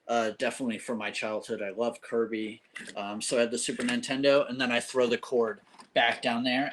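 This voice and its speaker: A man's voice: medium pitch, a bit bright. Young man rambling through a casual show-and-tell. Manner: rambling, many ums and uhs. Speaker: vlogger showing his game room. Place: at home in a game room. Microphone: phone camera.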